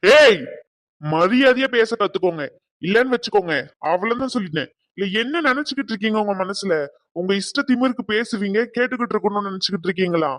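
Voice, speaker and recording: A man's voice: sits high, racing, a bit bright, no echo. A man voicing a stern young groom in a cartoon drama who lectures and defends his sister. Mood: angry.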